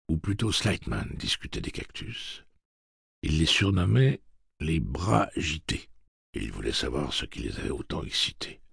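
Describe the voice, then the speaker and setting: Deep, gravelly male audiobook narrator. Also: a bit bright, dry recording, studio quality. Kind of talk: scripted narration.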